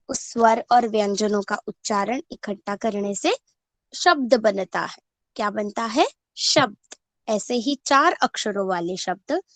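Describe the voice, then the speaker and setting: A woman's voice: fairly high pitch, no echo. A woman teacher giving an online class to first graders, sounding out words syllable by syllable and asking the class questions that she answers herself. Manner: slow, clear syllable-by-syllable word drilling.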